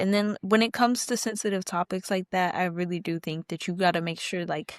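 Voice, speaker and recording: Blunt young woman, lowish voice, dead dry mic. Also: dry recording. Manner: blunt, reads listener submissions aloud. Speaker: podcast co-host. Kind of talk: casual chat.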